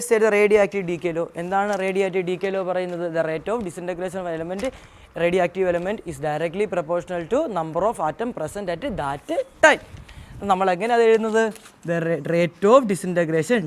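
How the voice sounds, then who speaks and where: A man's voice: high voice, smooth. A male tutor from Kerala working through an exam answer key, asking questions and answering them himself, with English terms mixed into his explanation. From Kerala, India.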